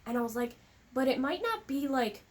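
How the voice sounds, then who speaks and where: A woman's voice: sits high, very animated, moderate pace. A woman co-hosting a podcast in casual chat, chatty and enthusiastic, coughing now and then. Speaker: podcast co-host.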